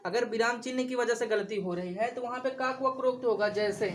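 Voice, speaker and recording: A woman's voice: fairly high pitch, fairly quick, noisy background. A woman teaching a grammar lesson for exam preparation, repeating examples and questioning her class.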